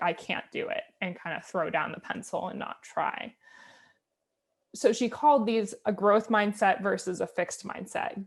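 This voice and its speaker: A woman giving a conversational talk on design thinking, relaxed and thinking aloud, with tag questions and fillers, heard over a video call. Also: medium pitch. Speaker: guest speaker on design thinking.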